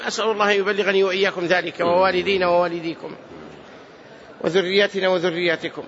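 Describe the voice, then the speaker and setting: A man's voice: very high-pitched, pushed and bright, highs cut off, slight background noise. A man teaching hadith in a large mosque, speaking earnestly, repeating phrases and adding prayers. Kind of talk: mosque lesson commentary.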